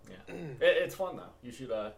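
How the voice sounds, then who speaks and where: A man's voice: medium pitch, sing-song, fairly quick, vocal fry. A man co-hosting a podcast in casual chat, telling joking stories and laughing often. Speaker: podcast co-host.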